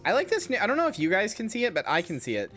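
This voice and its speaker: A man giving casual live stream commentary on a game, chatty and expressive as he talks to viewers. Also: high-pitched, very fast, faint music behind.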